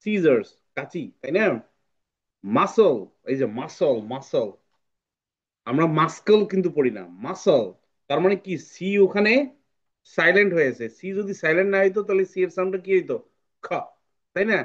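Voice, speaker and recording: A man's voice: high voice, lively intonation, normal speed, long pauses, lo-fi sound. A man teaching an online English phonics class, patiently repeating words for drilling. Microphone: video call.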